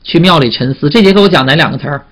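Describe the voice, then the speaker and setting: A man's voice: fairly high pitch, fairly bright tone. Male vocabulary teacher, repetitive questioning. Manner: repetitive, drawn-out "啊" fillers and call-and-response questions. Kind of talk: classroom vocabulary lecture.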